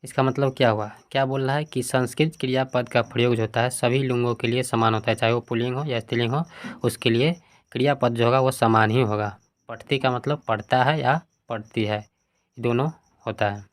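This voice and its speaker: A man's voice: medium pitch, steady tone, brisk. A man teaching a textbook lesson who puts each question to his students and then answers it himself, reading word forms out one by one.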